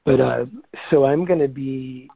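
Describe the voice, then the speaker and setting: A man's voice: mid-range voice, vocal fry, slightly rough, no room sound. Man on a tinny phone line. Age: 40s. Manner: reflective, halting, many restarts and fillers. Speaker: yoga teacher and Ayurvedic doctor. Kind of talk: interview answers.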